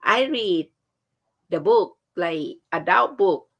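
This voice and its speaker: Woman, Thai accent, native Thai speaker, slow pace, lowish pitch, halting casual storytelling. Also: animated. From Thailand. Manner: halting, searching for words.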